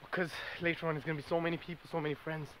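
A man's voice: a little high, level tone, very fast, a bit bright. A young man, talking casually to a handheld camera at arm's length while walking outside, chatty and loose, full of fillers. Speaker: vlogger. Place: outdoors on hillside paths and streets. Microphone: handheld camera mic at arm's length. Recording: noisy outdoor camera audio.

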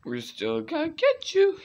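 Young male doing a squeaky little dinosaur kid. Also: huge pitch swings, unhurried, gravelly, highs cut off, slight background noise, heavily acted. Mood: pestering. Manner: squeaky, exclaiming. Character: small excitable young dinosaur kids, squealing. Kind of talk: improvised toy dinosaur play.

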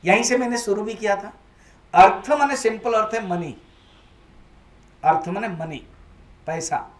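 A man's voice: sits high, echoey room. A man, a swami, giving a spiritual discourse at a home gathering, asking his listeners questions and mixing English words into Hindi. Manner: questions and prompts the listeners to repeat after him. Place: room in a private residence.

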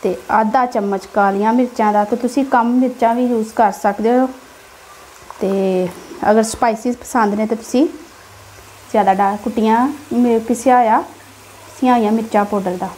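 Her voice is a little high and a little mellow, with a steady tone at a moderate pace, and the recording is rough. She's a Punjabi-accented home cook and cooking channel host, narrating a recipe step by step beside her stove at home while speaking straight to viewers. Behind her, a pan sizzles and food is stirred.

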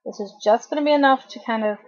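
A woman's voice: a little high, fast talker, lo-fi sound. A woman hosting a casual craft tutorial, chatting informally and correcting herself as she works with her hands while a cough drop sits in her mouth.

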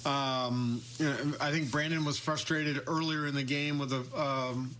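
A middle-aged man, a baseball manager, answering postgame questions over a video call, measured and halting, often repeating words. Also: mid-range voice, fairly even intonation, fairly bright tone. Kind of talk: postgame video press conference.

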